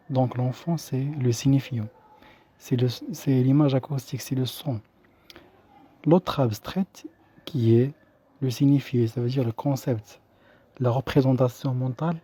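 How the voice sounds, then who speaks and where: A man teaching a recorded linguistics lesson, explaining slowly with many restarts and fillers. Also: medium pitch, warm tone, breathy edge. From Morocco.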